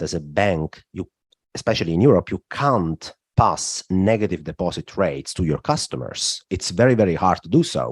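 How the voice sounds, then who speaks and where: Deep-voiced man explaining finance. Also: breathy edge, no room sound, studio quality. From southern Italy. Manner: explanatory, frequent "look" and "uh" fillers. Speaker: guest, macro strategist. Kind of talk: podcast interview.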